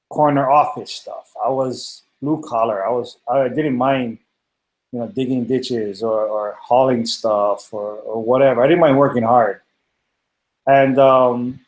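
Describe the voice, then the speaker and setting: A man's voice: mid-range voice, darkish tone, reverberant. A man in his forties from Hawaii, earnestly telling his own story on a webinar call from his home office, with many fillers and restarts. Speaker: panel guest. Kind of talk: personal testimonial on a webinar.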